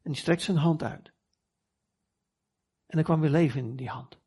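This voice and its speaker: A man preaches a sermon in an earnest storytelling manner, giving the quoted voices a little life. His voice sits a touch high and carries a slightly husky edge. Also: moderate pace, warm tone.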